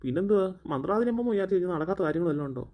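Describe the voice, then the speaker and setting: A woman's voice: lowish voice, expressive, racing, mellow. A woman voicing an eager, servile, bumbling witch's helper in a cartoon.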